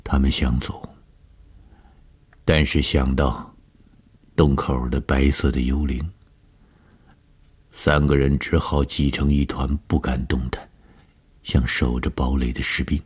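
Deep deep voiced guy reading a spooky story on the radio, slow and husky. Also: level tone, darkish tone. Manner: slow, measured, dramatic reading.

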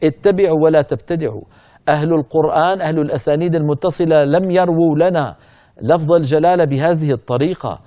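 Dark-voiced man explaining Quran recitation. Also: on the high side, dry recording. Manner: demonstrates recitation errors by drawing out words slowly; addresses listeners as brothers, gentle and instructive.

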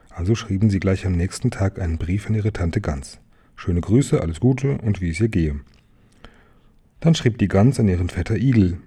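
A man reading a children's story aloud in a gentle way, adding small asides to the listener. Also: low voice, breathy edge. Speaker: reader of a children's book.

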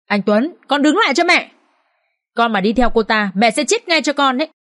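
Woman playing a shrill, raging audiobook mother, high and loud. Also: big pitch swings, fairly quick, no echo, clean studio sound. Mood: furious. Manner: shrill screaming scolding. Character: furious scornful middle-aged mother.

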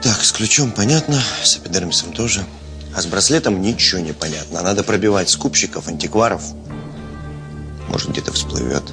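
An actor playing a businesslike, authoritative police investigator in a crime drama, terse and questioning. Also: male voice, deep voice, lively intonation, fairly quick, music in the background. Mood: businesslike, pensive. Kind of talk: screen crime drama acting.

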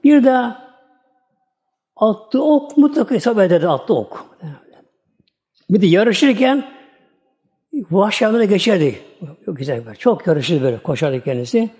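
A man's voice: high voice, very animated, normal speed, pauses often, dark tone. A man, a religious teacher, giving a storytelling religious talk in a folksy, repetitive way.

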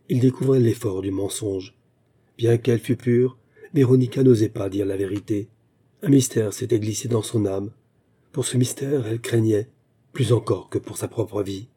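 Male narrator, slow measured story reading, low voice, very dark, husky. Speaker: audiobook narrator. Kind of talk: scripted narration of a short story.

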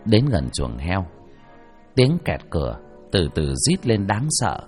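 Deep, expressive male ghost-story narrator. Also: slow, soft background music. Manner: dramatic, expressive.

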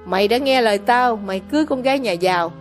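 A woman's voice: fairly high pitch, animated, fast, soft background music, lightly acted. A woman voicing a scolding, greedy old village mother. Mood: gloating. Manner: loud, scolding, harsh.

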